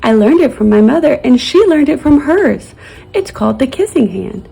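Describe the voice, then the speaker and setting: A woman voicing a gentle, comforting mother raccoon who reassures in a children's storybook read-aloud. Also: high voice, very animated, moderate pace, gravelly, slightly rough, faint music behind, exaggerated voice, poor audio. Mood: tender, secretive.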